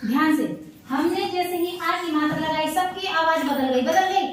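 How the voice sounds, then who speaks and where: A woman's voice: extremely high pitch, normal speed, background noise. A woman teacher giving a patient classroom lesson, prompting her pupils to repeat each sound after her. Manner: patient, repetitive call-and-response prompting. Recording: echoey room, voice from far off.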